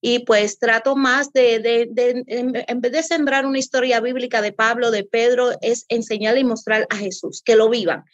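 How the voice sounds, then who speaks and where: Woman pastor talking about her church, preachy and earnest, kinda high voice, muffled lo-fi sound. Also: fairly even intonation, moderate pace, hardly any pauses, no echo. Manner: earnest, preacherly, repeats for emphasis. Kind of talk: interview guest. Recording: dull lo-fi audio.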